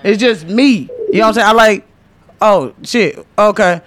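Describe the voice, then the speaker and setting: A woman's voice: medium pitch, moderate pace. A woman in her late thirties in casual podcast chat, boisterous and joking, laughing often. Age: 30s.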